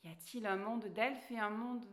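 A woman voicing Alice, an eager young girl who pleads and begs in a storybook reading, speaking in a raised, excited voice. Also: normal speed, roomy sound, close to an everyday voice. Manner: high, excited, pleading delivery.

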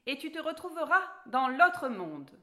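A woman's voice: high-pitched, sing-song, measured pace, fairly bright tone, voice pushed up, exaggerated voice. A woman voicing a grumpy but kindly old male dwarf in a storybook read aloud. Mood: gruff kindly. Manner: gruff, then fatherly and advising.

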